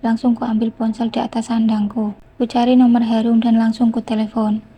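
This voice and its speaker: A woman reading a novel aloud in the first person, calm and even. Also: on the high side, moderate pace, husky. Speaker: novel reader. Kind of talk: first-person audiobook narration.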